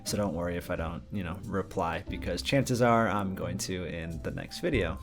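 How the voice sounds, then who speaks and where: A mid-20s man from Minnesota, USA, hosts a gaming channel, chatting casually and rambling a bit while answering viewer questions and covering game news. He has a deep, creaky voice and speaks at a moderate pace. Music plays in the background.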